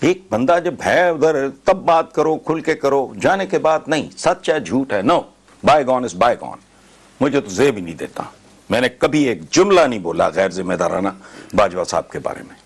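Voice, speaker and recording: A man's voice: mid-range voice, expressive, measured pace, creaky, breathy edge. A man, a political commentator arguing emphatically and slipping English phrases into his talk. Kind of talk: heated talk show debate.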